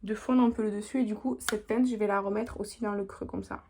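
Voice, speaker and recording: A woman's voice: medium pitch, fairly even intonation, fast, darkish tone. A young woman, chatting casually through a makeup tutorial as she works. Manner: chatty, talks while working, lots of little "hop"s. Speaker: beauty vlogger.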